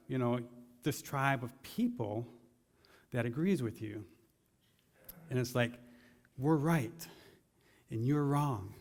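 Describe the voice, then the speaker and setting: A man preaching a sermon in a casual, conversational way, putting question after question to his congregation. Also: mid-range voice. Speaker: pastor. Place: large church hall. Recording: long hall reverb.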